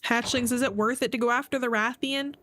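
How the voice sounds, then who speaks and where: A woman's voice: a little high, steady tone, brisk, slight background noise. Chatty young woman streaming a game. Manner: chatty, jokey, rambling asides to chat. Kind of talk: casual livestream chat while playing. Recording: game stream with loud music behind.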